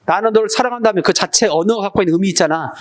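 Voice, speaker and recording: A man with a high voice teaches a live classroom lesson. He fires short questions at his students and clears an irritated throat now and then. His delivery is casual and direct. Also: racing. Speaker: exam prep teacher. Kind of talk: classroom lecture.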